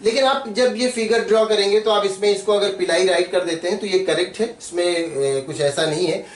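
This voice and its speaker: A man with a fairly high voice guides viewers through a drawing, patient and repetitive. He spells out key terms and says them again. The mic sits some way off in an echoey room. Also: fairly quick, far from the mic. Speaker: biology teacher. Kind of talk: step-by-step drawing tutorial.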